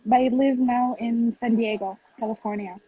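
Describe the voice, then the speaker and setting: A woman's voice: fairly high pitch, steady tone, moderate pace, loud music behind the voice. A woman from Somalia calling into a livestream, speaking earnestly with hesitant fillers. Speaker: caller on a livestream. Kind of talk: casual chat. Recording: muffled lo-fi call audio.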